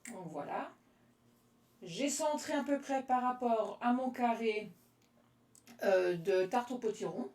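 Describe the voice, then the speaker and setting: A woman from France demonstrating card-making on a live stream, chatting with viewers by name between steps in a relaxed way. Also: fairly high pitch, slow pace, pauses often. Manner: chatty and relaxed, answers live comments by name, laughs often. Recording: roomy echo, voice from a distance.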